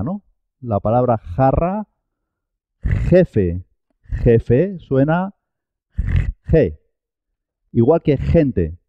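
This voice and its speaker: A man's voice: medium pitch, no room sound, lo-fi sound. A man teaching a Spanish pronunciation lesson, carefully enunciating each sound and model word. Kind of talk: slow, clear pronunciation lesson.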